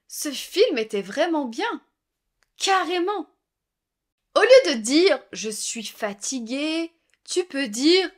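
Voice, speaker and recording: A woman teaching everyday expressions, saying each phrase slowly and clearly and repeating it in short example dialogues. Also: high-pitched. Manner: slow careful model pronunciation, repeating each phrase. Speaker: French teacher. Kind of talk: language lesson with spoken example dialogues.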